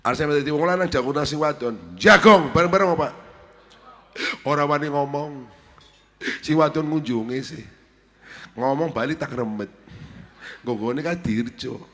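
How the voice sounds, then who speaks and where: A man with a Brebes Javanese accent giving a humorous sermon, telling stories and acting out dialogue with shouts and laughs. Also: on the high side, measured pace, long pauses. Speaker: preacher. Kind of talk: humorous sermon at a family gathering. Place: large hall at a family gathering. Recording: long hall reverb.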